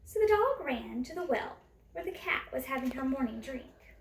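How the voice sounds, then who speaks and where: A woman reads a children's fairytale aloud with a high, lively sing-song lilt and a slightly gravelly texture. She talks to young listeners directly between pages. The sound is roomy and caught from some way off the mic. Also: moderate pace, slight background noise. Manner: animated, sing-song storybook delivery; chatty, addresses children directly. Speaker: storyteller. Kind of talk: reading a picture book aloud. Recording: roomy echo, a distance from the mic.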